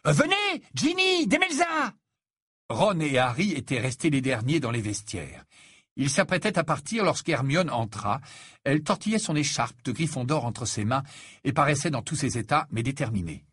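A man narrating an audiobook and voicing the characters in an expressive way. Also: moderate pace, slightly rough, dry recording, studio quality. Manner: expressive, raises pitch for dialogue.

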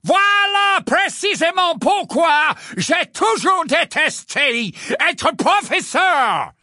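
A man voicing a haughty old male wizard portrait in an audiobook, with a slow, sarcastic, mocking drawl. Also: a little high, sing-song, a bit bright, no echo, clean studio sound, pitched above the performer's own voice, full character voice. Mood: scolding. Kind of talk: audiobook character voice.

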